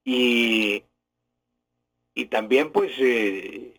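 Husky-voiced Colombian man explaining on radio. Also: mid-range voice, very slow, a bit bright, no room sound. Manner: explanatory, digressive, tells historical anecdotes. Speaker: language professor answering listeners. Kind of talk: radio language advice segment.

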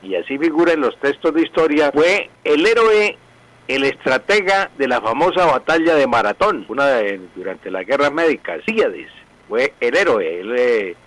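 A man, a language professor explaining pronunciation on a radio segment in a slow, didactic way, drawing out syllables. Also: mid-range voice, animated, a bit bright, low-quality recording. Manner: didactic, slowly spelling out pronunciation.

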